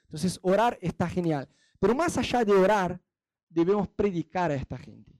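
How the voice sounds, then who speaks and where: With a high, expressive voice and a darkish tone, a Brazilian man preaches at a normal speed in a dry recording. His style is chatty and direct, full of little stories where he acts out the quoted voices and speaks to listeners head-on.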